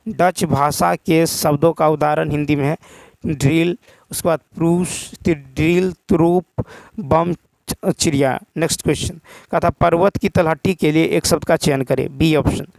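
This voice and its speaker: Gravelly-voiced man teaching. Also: fairly high pitch, fairly even intonation, unhurried, darkish tone, no room sound. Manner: repeats points, asks and answers own questions. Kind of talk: exam-prep lecture.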